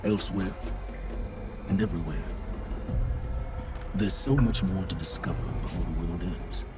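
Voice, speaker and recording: An actor playing an aloof, calculating mentor in a video game, speaking in a deliberate, theatrical way. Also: male voice, low voice, loud music behind the voice, lightly acted. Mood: wry, detached. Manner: deliberate, eloquent, theatrical phrasing. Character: aloof, calculating male mentor confessing his part in a cult. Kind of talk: dramatic video game dialogue.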